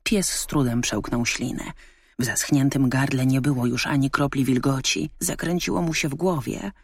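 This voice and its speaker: A woman reading a children's story aloud, narrating in an expressive, lively way. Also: extremely low pitch, moderate pace, husky, no echo. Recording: dry close studio sound.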